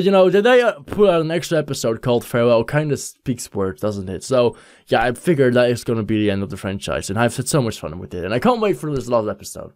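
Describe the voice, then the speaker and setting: A man's voice: mid-range voice, a little mellow, no room sound, clean studio sound. A man hosting a reaction video, rambling and hesitant, with many fillers. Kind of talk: casual commentary.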